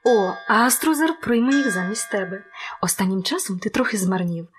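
An actress playing a caring wife in a radio play, speaking softly and reassuringly. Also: female voice, medium pitch, expressive, a little fast, natural voice. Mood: tender. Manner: soft, warm, reassuring.

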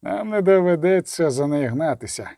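A man voicing a cold, calm male leader in an audiobook, speaking in a measured way. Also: a little high, dry recording, clean studio sound.

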